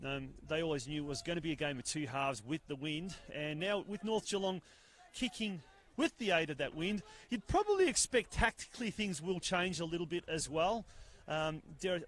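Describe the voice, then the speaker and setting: High-voiced Australian football commentator. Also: male voice. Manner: rambling, filler-heavy, gets loud on near-misses. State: cold, jaw clicking. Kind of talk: live match commentary. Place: outdoor grandstand commentary spot.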